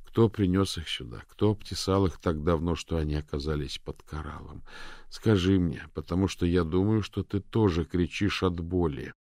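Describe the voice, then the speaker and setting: A man voicing a tired, calm and stubborn island boy in a storybook reading, speaking evenly and politely. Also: deep voice, slow, dry recording, studio quality. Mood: level. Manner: even, polite, steady.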